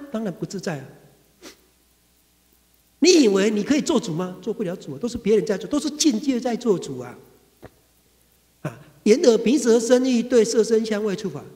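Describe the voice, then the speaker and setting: A man with a Taiwanese Mandarin accent giving a Buddhist sutra lecture, talking conversationally and acting out everyday quarrels. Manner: animated, acts out quarrels with sudden high bursts. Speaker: Buddhist dharma teacher. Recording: reverberant hall.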